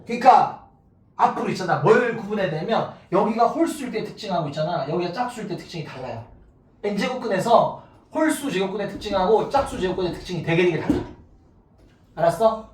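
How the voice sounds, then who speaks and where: A man's voice: high voice, animated, brisk. A man teaching a math class to students, talking casually and constantly checking that they follow. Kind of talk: classroom lecture. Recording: echoey room, mic far off, faint noise.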